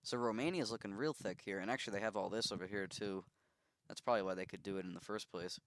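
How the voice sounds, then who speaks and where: A man's voice: fairly low pitch, quick pace, fairly bright tone, dry recording. A man giving casual commentary on a strategy game simulation, musing and thinking aloud with easy asides.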